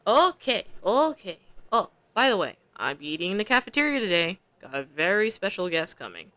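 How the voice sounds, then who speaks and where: A young woman streamer reads a visual novel's text aloud, dropping chatty, slangy asides between narration. Her low voice is brisk, sharp, and smooth with big pitch swings, captured close and dry with no echo.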